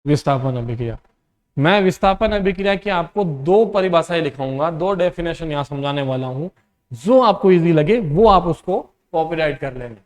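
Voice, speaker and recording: A man's voice: on the high side, expressive, normal speed. A male teacher with a Rajasthani Hindi accent, giving a classroom lecture that dictates definitions. He keeps asking questions, repeats the answers himself and calls the students "beta".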